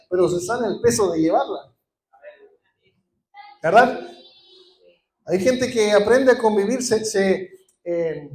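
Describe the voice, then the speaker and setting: A man's voice: high voice, darkish tone, reverberant. A man with a Chilean accent preaching a sermon as a pastor, passionate and building to emphatic repeated declarations, with some hesitations and restarts. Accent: Chilean Spanish. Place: church.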